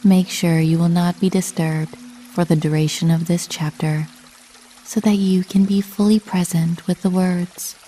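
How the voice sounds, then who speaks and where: Against slight background noise, a woman with a voice on the low side narrates a scripted sleep meditation like a bedtime story. Her tone is calm and soothing, her delivery measured, her pauses long.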